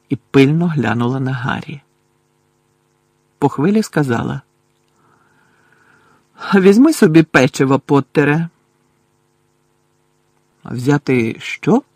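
A man narrating an audiobook in an even, measured storytelling voice. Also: medium pitch, breathy edge, no room sound.

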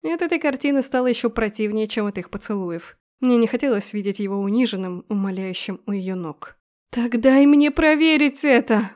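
A woman narrating a first-person fantasy audiobook in a steady, expressive storytelling voice. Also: mid-range voice, a little fast, few pauses.

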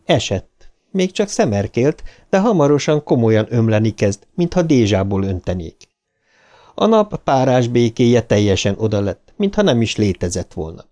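A man reading an audiobook aloud in an expressive, dramatic narration style. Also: medium pitch.

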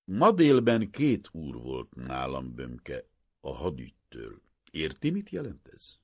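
A man voicing an older, troubled professor who speaks slowly and solemnly, with earnest pleading. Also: extremely low pitch, wildly swooping pitch, darkish tone, breathy edge, no room sound, studio quality, exaggerated voice. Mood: grave. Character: older male professor, grave and troubled scientist.

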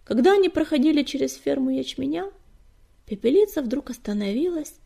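A woman reading an audiobook aloud in a soft, breathy way that often sinks to a whisper. Her voice sits a little high but sounds dark, with a gravelly, husky texture. The telling stays close and gentle. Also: expressive, fairly quick. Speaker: audiobook narrator. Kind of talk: audiobook narration.

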